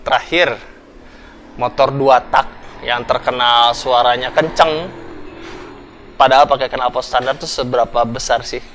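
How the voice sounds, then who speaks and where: A young man, explaining things in a relaxed, chatty vlog and thinking aloud as he goes. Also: mid-range voice, measured pace, pauses often, noisy background. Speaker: motorcycle vlogger.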